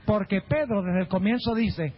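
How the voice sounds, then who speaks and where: A man's voice: moderate pace, slight background noise. A man, a pastor, giving a sermon with dramatic delivery, swooping his voice up and down and acting out the voices in the stories he tells. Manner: dramatic preaching, swooping pitch, acts out quoted voices. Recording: dull lo-fi recording.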